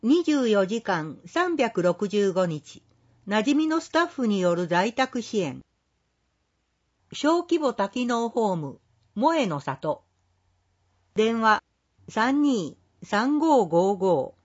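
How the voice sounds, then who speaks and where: A woman reading a scripted community announcement in a polite, measured, formal way. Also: medium pitch, sing-song, lo-fi sound. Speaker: care facility staff announcer.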